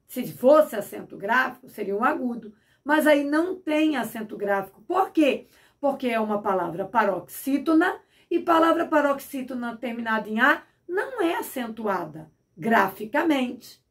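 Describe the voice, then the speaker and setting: A middle-aged woman teacher with a fairly high voice explains grammar patiently. She asks herself questions and answers them, repeating examples slowly. Her voice sounds a little distant from the microphone. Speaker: Portuguese teacher.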